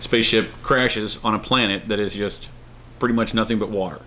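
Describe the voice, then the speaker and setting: With a fairly low, sharp voice that stays steady and moves a little fast, this middle-aged co-host of a casual opinion show talks with emphasis and repeats points to drive them home. Room ambience and clear background noise can be heard.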